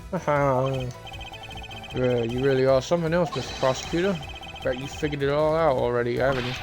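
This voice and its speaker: A man's voice: mid-range voice, a little fast, natural voice. A man voicing a cocky male investigator who calls himself a wolf, reading game dialogue aloud with a teasing, taunting manner. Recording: game music behind the voice.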